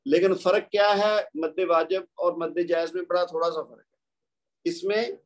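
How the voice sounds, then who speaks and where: A man's voice: high-pitched, fairly even intonation, normal speed. A man teaching a lesson on recitation rules, explaining step by step and answering his own questions in a patient manner. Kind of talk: tajweed lesson.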